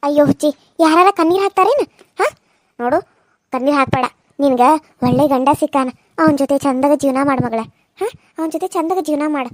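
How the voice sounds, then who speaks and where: A woman's voice: high-pitched, brisk, pauses often, darkish tone, no room sound, clean studio sound, natural voice. A woman voicing a caring village mother in a cartoon serial, giving fussy, motherly advice with a North Karnataka Kannada accent. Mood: advising. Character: middle-aged village mother, caring and advising.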